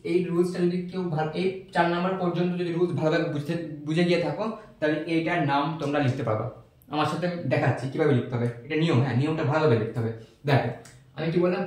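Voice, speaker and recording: Fast-talking male chemistry teacher, echoey room. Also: a little high. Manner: patient, repeats steps and asks checking questions. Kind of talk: recorded online lecture.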